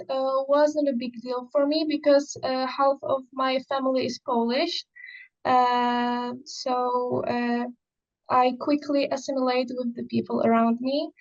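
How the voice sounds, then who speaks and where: Young student girl, high voice, talks slow w lots of uhs. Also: dull audio. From Czech Republic. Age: young adult. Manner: slow and hesitant with many fillers. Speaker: management student.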